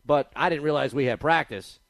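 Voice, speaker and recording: A man voicing a cocky, clueless male football player who talks fast and plays innocent. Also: a little high, creaky, fairly bright tone, no room sound. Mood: feigned innocence. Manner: breezy, fast-talking, feigning innocence.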